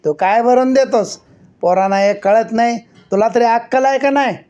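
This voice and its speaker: A man voicing a furious, sharp-tongued village woman farmer who shouts and scolds, in a story reading. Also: very high voice, moderate pace, muffled recording, voice pushed up.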